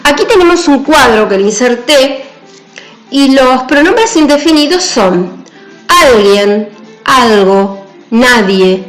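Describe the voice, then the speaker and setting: A woman's voice: high-pitched, lively intonation, slow, echoey room, soft background music, poor audio. A woman teacher giving a grammar lesson, patient and careful, often checking in with her students. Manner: patient, repeats key points with "¿sí?".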